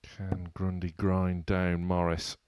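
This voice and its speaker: A man's voice: low voice, monotone, slow, a little mellow, smooth, dry recording. A man giving live darts commentary as the lead commentator, with polished, wordy phrasing.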